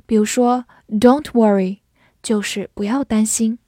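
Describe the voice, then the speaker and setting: A woman teaching English words in a vocabulary lesson, explaining clearly and reading example sentences slowly. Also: a little high, fairly even intonation, mellow, no echo, studio quality. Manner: clear, measured explanation with slow read-alongs.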